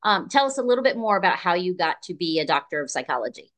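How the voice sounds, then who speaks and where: A woman's voice: fairly low pitch, sing-song, fast, fairly bright tone. A woman hosting a podcast, introducing a guest and asking questions in an upbeat, emphatic way. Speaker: podcast host. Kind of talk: scripted intro and interview hosting.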